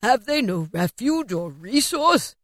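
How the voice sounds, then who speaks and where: A woman's voice: medium pitch, sing-song, moderate pace, no echo, studio quality, lightly acted. A woman voicing an old miserly man who asks anxious, hesitant questions. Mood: uneasy.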